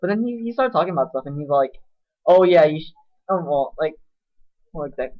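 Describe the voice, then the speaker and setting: Teen, mid-pitched voice, rambling and filler-heavy, muffled lo-fi webcam recording. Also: lively intonation, brisk. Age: late teens. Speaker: student co-hosting a webcam chat. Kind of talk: casual chat. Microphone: built-in webcam mic. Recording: lo-fi webcam audio.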